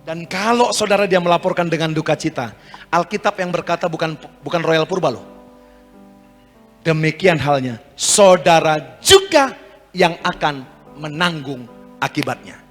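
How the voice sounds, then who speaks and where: A man preaching a sermon as pastor, leading call-and-response and swinging between loud exhortation and quiet asides. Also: fairly high pitch, moderate pace, long reverb tail, faint music behind. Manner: call-and-response preaching, rising and dropping sharply.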